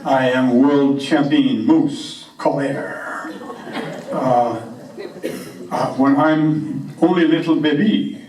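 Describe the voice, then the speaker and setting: A man playing a boastful backwoods moose caller with a French-Canadian accent and halting, simple broken English, telling comic tall tales. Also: medium pitch, a little mellow, natural voice. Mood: boastful, earnest. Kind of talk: comic character monologue on stage. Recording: echoey room, distant microphone.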